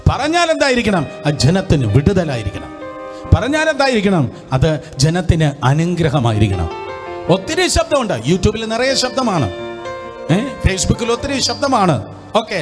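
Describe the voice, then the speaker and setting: A man with a Malayalam accent preaches a Bible study sermon in a high, lively voice that climbs and drops. He keeps calling for the congregation to repeat phrases back to him and fills the pauses with hallelujah and praise. Music plays clearly behind him. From India. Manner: repetitive call-and-response, leads congregation in repeating phrases; peppers speech with hallelujah and praise exclamations. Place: hot room with lights and fans.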